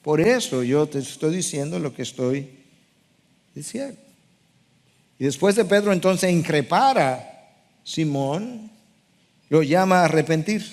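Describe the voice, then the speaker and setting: A middle-aged male pastor delivering a sermon with emphatic, repetitive stress on key phrases. His voice sits somewhat high for a man. The long reverb of a church hall trails behind his words. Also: animated, measured pace, pauses often, darkish tone.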